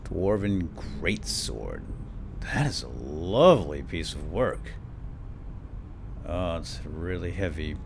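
A gamer commentator with a lowish, gravelly, mellow voice gives lightly role-played commentary on a video game, muttering to himself and tossing in playful asides. Behind him, game ambience plays, with cave sounds and effects.

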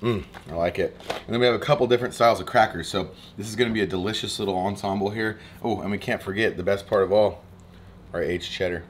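A man's voice: on the low side, steady tone, fast talker, slight background noise. A young man hosting a casual cooking vlog in a houseboat kitchen, talking in a chatty, rambling way with restarts, recorded on a close camera mic. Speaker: fishing vlogger.

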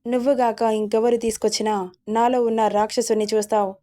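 A woman's voice: a little high, little pitch movement, a little fast, dark tone, lightly acted. A woman voicing a stern, hot-tempered young husband. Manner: curt, menacing commands.

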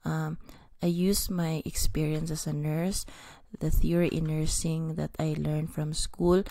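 A woman's voice: deep voice, flat delivery, a little slow, mellow, no room sound. A woman in her thirties with a Cebuano Filipino accent, giving an earnest motivational talk to camera at home, mixing English with Cebuano. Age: 30s. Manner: earnest, mixes English with Cebuano, repeats words. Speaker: vlogger. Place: small home room indoors. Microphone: podcast mic on stand, close.

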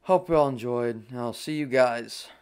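A young man giving live commentary over a video game as a gaming YouTuber, breaking into excited and frustrated outbursts. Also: mid-range voice, unhurried, noisy background.

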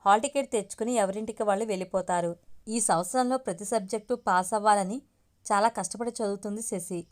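A woman storyteller narrating a family story in a steady, conversational way. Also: medium pitch, fast talker.

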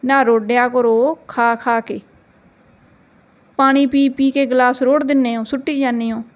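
A woman's voice: high-pitched, fairly even intonation, a little slow. Nagging old granny woman doing her, grumbly, muffled audio. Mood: grumbling.

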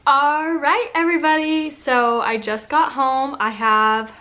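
Bubbly young female vlogger, casual and a little high-pitched, light background noise. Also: unhurried. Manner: bubbly and excited. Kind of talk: casual vlog talk to camera.

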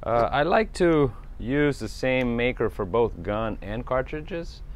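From a backyard shooting range outdoors, an Italian airgun channel host gives a casual product review in a theatrical announcer style. He speaks slowly with a mid-range voice and lively intonation over background noise.

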